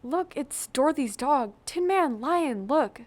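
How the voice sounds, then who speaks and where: Teen girl playing loyal eager scarecrow in a school play, lively swoopy voice, bit of music. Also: sits high, slow pace. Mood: urgent. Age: teens. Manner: urgent, rallying. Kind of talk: high school stage play acting.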